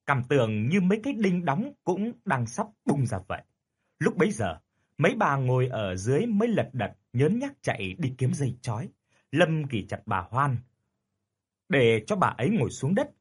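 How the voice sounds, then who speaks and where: A man's voice: mid-range voice, breathy edge. A man narrating a horror story dramatically.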